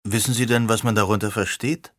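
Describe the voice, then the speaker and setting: A man's voice: fairly low pitch, steady tone, brisk, fairly bright tone, dry recording, studio quality. A man voicing a composed, middle-aged teacher explaining things in a lecturing manner. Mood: calm.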